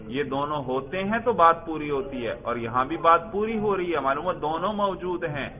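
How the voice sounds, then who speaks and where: A man's voice: fairly high pitch, lively intonation. A male teacher giving a classroom grammar lesson, quizzing students step by step and praising their answers. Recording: tinny phone-like sound.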